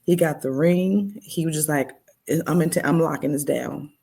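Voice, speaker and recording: A middle-aged woman, a podcast guest, telling her testimony in an animated way and acting out the dialogue. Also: low-pitched, moderate pace, gravelly, breathy edge. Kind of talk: storytelling testimony.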